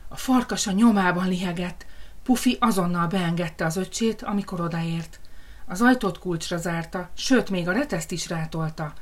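A woman reading a children's fairy tale aloud in a lively, expressive storytelling manner. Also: fairly low pitch.

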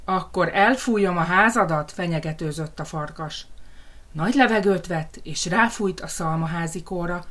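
A woman reading a children's fairy tale aloud in a lively, expressive storytelling manner. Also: fairly low pitch.

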